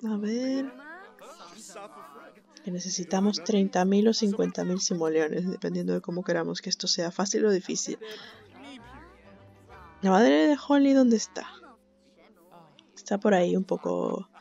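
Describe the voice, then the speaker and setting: A woman's voice: mid-range voice, unhurried, gravelly, pauses often, dark tone, dull audio, faint music behind. A woman giving chatty, sympathetic game commentary, laughing often. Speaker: gameplay commentator. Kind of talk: casual let's-play commentary.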